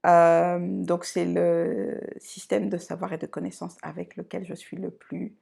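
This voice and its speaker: A woman from Côte d'Ivoire and France introducing herself on her channel, speaking in a reflective, unhurried way and often pausing to search for words. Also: fairly low pitch, little pitch movement, vocal fry, dark tone, slightly rough. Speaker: channel host. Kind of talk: personal introduction vlog.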